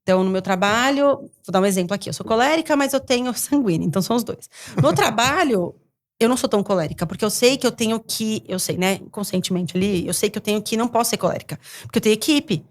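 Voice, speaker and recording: A middle-aged woman psychologist explaining temperaments in a casual podcast chat, with animated delivery full of little acted quotes. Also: mid-range voice. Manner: animated, talks in quick bursts with acted quotes. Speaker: psychologist guest.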